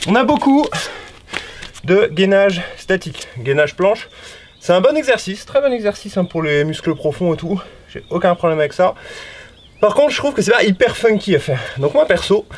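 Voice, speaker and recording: A male fitness coach leading a home workout, upbeat and chatty, counting reps aloud between casual asides. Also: high voice. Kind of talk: guided home workout instruction.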